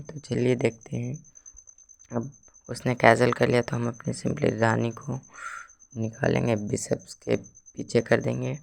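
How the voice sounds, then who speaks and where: Man, hoarse, gravelly, flat and unhurried delivery, casual chess tutorial. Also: mid-range voice. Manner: explains moves step by step, mixing in English words. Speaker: chess teacher.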